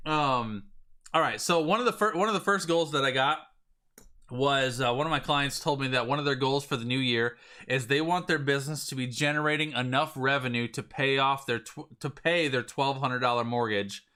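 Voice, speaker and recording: A business coach with a mid-range, slightly raspy voice today speaks at normal speed, energetically coaching viewers on a live stream. He often restarts his phrases.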